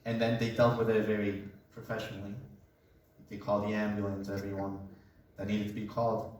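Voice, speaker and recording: A young man from Colombia giving a casual personal testimony, a relaxed storyteller who jokes as he talks. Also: on the low side, brisk, recorded from a distance, a little hiss or hum. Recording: echoey room, voice away from mic.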